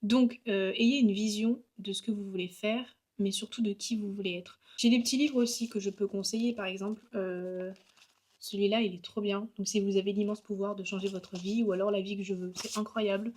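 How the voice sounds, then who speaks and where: A woman's voice: mid-range voice, steady tone, a little fast, a little mellow. A young woman talking casually to camera in a vlog, chatty and upbeat, with many fillers and small self-mocking asides. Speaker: vlogger and graphic designer.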